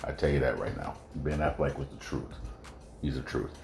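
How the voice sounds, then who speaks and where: A man's voice: very deep voice, moderate pace, gravelly, a little mellow, a little hiss or hum. A man hosting his own podcast, chatting casually and jokingly straight to his listeners. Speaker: podcast host. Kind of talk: casual solo podcast chat. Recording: echoey room with faint music.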